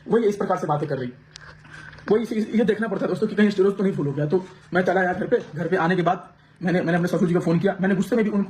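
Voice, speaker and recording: A man with a high voice gives an aggrieved account to his viewers. He rushes at a breakneck pace, with many restarts, and a faint hum of ambience sits behind him. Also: a little mellow. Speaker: vlogger. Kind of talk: emotional personal account to camera.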